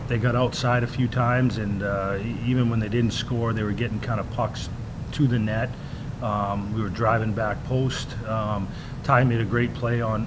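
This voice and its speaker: A middle-aged man, a head hockey coach, answering questions at a postgame press conference at a table mic, measured and full of fillers. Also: fairly low pitch, noisy background. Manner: measured, many fillers and restarts. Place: press room in front of a logo backdrop.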